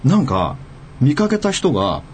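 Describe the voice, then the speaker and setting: A man's voice: medium pitch, measured pace, slight background noise. A man telling a long anecdote on a radio talk show, acting out the quoted lines. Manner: animated storyteller acting out quotes. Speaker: radio guest storyteller. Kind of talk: casual radio chat.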